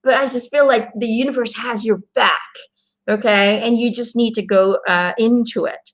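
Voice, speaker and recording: With a fairly high, steady voice at a moderate pace, this native Dutch speaker from Belgium reads cards intuitively for her audience. Her tone is casual and earnest, encouraging, and peppered with fillers and restarts.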